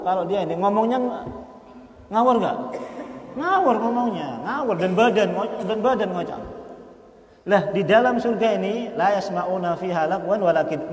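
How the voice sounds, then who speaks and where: A man giving a sermon, asking the audience questions and answering them himself, and reciting Arabic verses slowly. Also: high-pitched. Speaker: preacher. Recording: echoey hall with long reverb.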